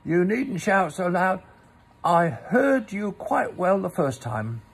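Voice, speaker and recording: A man's voice: sits high, sing-song, slow pace, gravelly, slightly rough, pitched above the performer's own voice, exaggerated voice. A man voicing a fussy, evasive storybook rabbit with a prim, curt manner. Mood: irritated. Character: evasive, fussy male rabbit, unwilling host. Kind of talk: storybook character voice.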